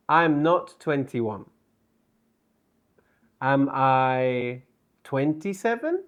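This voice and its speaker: A man leads a beginner lesson at an extremely slow pace. He spells out words and repeats each phrase, his pitch rising and falling in a lively way. The recording sounds a little dull and lo-fi. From England. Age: 30s. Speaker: English teacher.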